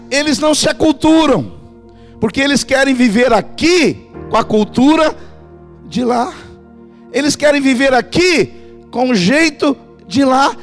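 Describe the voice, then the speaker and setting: A man preaches with a strikingly high voice, pressing his congregation to answer back. Soft music sits faintly under his sermon in the church. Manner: emphatic, calls the congregation to respond. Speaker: pastor. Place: church in Portugal.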